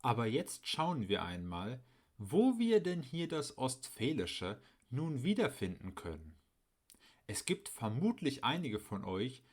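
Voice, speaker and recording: A man narrating a scripted educational voice-over, explaining clearly and speaking directly to his viewers. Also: medium pitch. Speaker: channel host explaining dialects.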